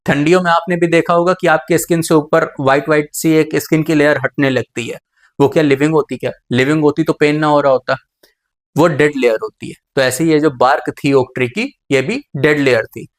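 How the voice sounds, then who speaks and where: Speaking briskly in a slightly high voice with fairly even intonation, a man lectures on biology. He frequently calls his students "beta" and raises questions only to answer them himself.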